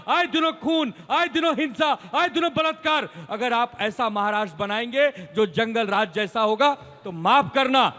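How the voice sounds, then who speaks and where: High-voiced man giving a declamatory debate speech. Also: sharp tone, long reverb tail. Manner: declamatory, recites verse and slogans. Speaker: political debate panelist.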